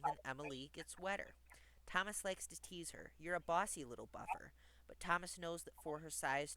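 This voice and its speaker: A man reads children's rhyming verse in a bouncy, sing-song rhythm, leaning into each beat. His voice sits a little high and rings bright and forward. It sounds like a streamer reading bedtime stories to his chat. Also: low-quality recording. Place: home streaming setup.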